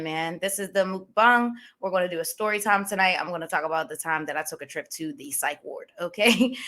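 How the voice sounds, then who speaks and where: Woman, mukbang host, lowish voice, relaxed casual chat, talking while eating. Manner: relaxed, chatty, talks between bites.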